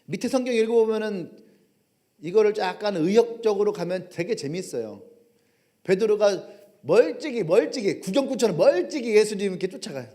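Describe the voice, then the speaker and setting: A male pastor preaching a sermon, telling stories with animated humor. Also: sits high, a little fast.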